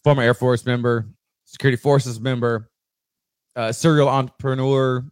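A man's voice: mid-range voice, normal speed, smooth, no echo. Male podcast host, casual and profane, dry close-mic sound. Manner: swears casually, relaxed and joking. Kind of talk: casual chat and sponsor reads.

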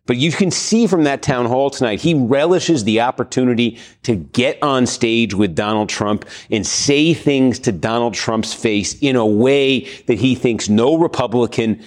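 A man's voice: mid-range voice, unhurried, few pauses. Man giving political analysis on air. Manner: thoughtful, with small restarts. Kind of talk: studio political commentary.

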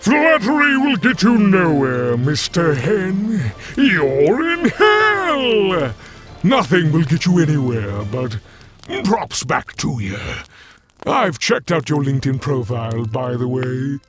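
A man's voice: a little high, sing-song, slow, over music. Man playing a swooping, campy Satan. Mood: mock courtesy. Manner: theatrical, gleeful, mock-courteous. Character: campy, chatty Satan as bureaucratic host of hell. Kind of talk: comedic audio drama acting.

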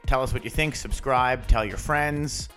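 A man co-hosting a podcast in casual chat, quick with jokes and quips. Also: medium pitch, fairly bright tone, faint music behind. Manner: jokey, quick quips, laughs often. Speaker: podcast co-host.

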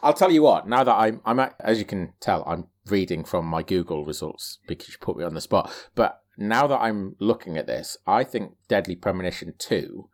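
Male podcast co-host, deep voice, jokey and teasing. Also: lively intonation, moderate pace, few pauses. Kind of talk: casual podcast chat.

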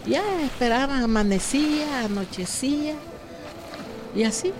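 A woman's voice: high voice, measured pace, over music. Older Mexican woman telling her story. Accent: Mexican Spanish. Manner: lively storyteller who acts out quoted dialogue. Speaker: survivor recounting her story. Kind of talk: recorded testimony.

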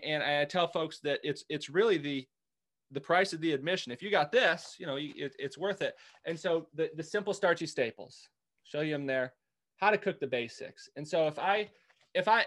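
A man's voice: fairly high pitch, fairly bright tone. A man as a guest in a casual interview, hesitant and full of restarts. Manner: hesitant, many restarts and fillers.

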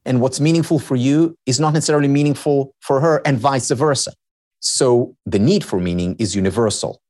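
His mid-range voice a little mellow and fairly quick, this man, a Hebrew native speaker, appears as a podcast guest who researches and teaches happiness. He explains in a lecturing manner, building points by repetition in explanatory interview talk.

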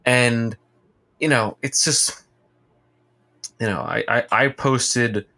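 A man co-hosting a podcast, talking casually with halting restarts. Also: mid-range voice, creaky, sharp tone. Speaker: podcast co-host. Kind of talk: casual chat.

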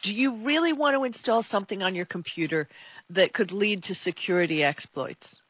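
A woman's voice: mid-range voice, normal speed, breathy edge, no echo, highs cut off. A woman co-hosting a tech talk show, chatting casually and giving her opinions in an emphatic, conversational way. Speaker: tech radio co-host.

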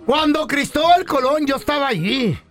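A man co-hosting a radio comedy show, interjecting and teasing in quick banter. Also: very high voice, lively intonation, fairly bright tone. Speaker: radio co-host.

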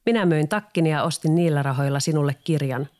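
A man's voice: on the high side, natural voice. Man voicing a kind old carpenter. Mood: fond. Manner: warm, proud. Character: kindly poor old carpenter father.

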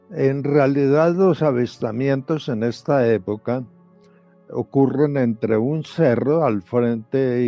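A man giving unhurried explanatory answers as an interview guest. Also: mid-range voice, warm tone. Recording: dull, dry lo-fi audio. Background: background music.

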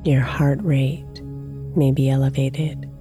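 Meditation host: woman, deep register, very unhurried, soft and soothing, over prominent new-age music. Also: little pitch movement. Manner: soft, soothing, gently drawn out. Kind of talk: guided meditation narration. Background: new-age music with singing bowls.

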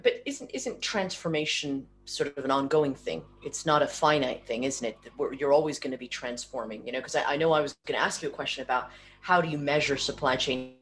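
With an extremely low voice, a woman talks briskly and with few pauses while interviewing a guest on a video call through a computer or laptop mic. The audio keeps breaking up and carries a little hiss or hum, and she thinks aloud, restarts sentences and ends many with tag questions.

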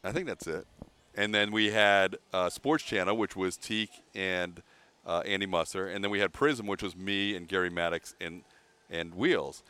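A man's voice: sits low, fairly even intonation, moderate pace, pushed and bright, clean tone. A man, a sports broadcaster guest, recalling past broadcast teams in an easygoing, matter-of-fact way. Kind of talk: casual chat.

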